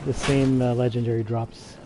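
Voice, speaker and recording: A man's voice: medium pitch, little pitch movement, normal speed, background noise. A man streaming a game, giving casual, hesitant commentary with many fillers and restarts. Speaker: gaming livestreamer.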